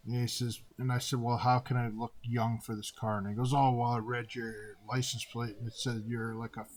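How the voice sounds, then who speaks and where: A man's voice: mid-range voice, normal speed. A man in his fifties from Canada, telling personal stories in a casual monologue and acting out both sides of the dialogue. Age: 50s. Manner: animated retelling, acting out dialogue with repeated "and I said".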